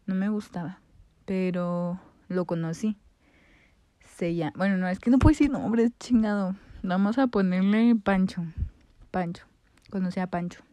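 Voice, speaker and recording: Slangy young Mexican woman, mellow voice. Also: medium pitch, a little slow, no room sound. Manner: slangy, animated, swears freely. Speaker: vlogger. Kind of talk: casual storytime chat.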